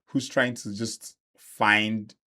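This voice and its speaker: A man's voice: on the low side, flat delivery, extremely slow, sharp tone. A man co-hosting a casual podcast chat, earnest and emphatic, often repeating words for stress. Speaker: podcast co-host.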